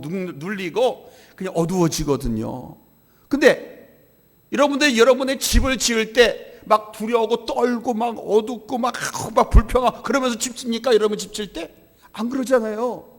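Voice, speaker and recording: A middle-aged man preaching a sermon as pastor, emphatic, with sharp swings from hushed asides to loud, stressed phrases. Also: high voice, big-room sound. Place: church sanctuary.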